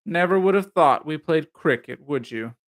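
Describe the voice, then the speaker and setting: A man's voice: fairly high pitch, animated, moderate pace, voice pushed up, lightly acted. A man voicing a playful young man with casual, dry humor in an audiobook novel. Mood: flippant.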